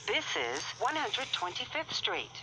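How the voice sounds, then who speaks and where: A woman's prerecorded transit announcements, built from spliced-together words with sudden pitch jumps between the pieces, spoken in a slow, measured, clipped way. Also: wildly swooping pitch. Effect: prerecorded words spliced together, pitch jumping between pieces. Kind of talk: automated station announcements. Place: inside a moving subway train. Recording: train loudspeaker with loud noise.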